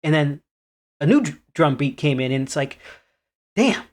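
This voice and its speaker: A man co-hosting a podcast in casual chat, laughing often while giving relaxed opinions. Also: fairly high pitch, normal speed. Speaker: podcast co-host.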